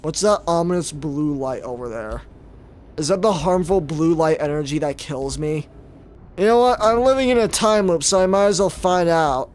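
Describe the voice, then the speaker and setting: A young man talks his way through a game in casual commentary, joking as he plays. His voice sits slightly higher than most men's. He chats to himself with quick asides. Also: lively intonation, a little mellow, slight background noise. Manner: joking, self-talk. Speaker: gaming YouTuber.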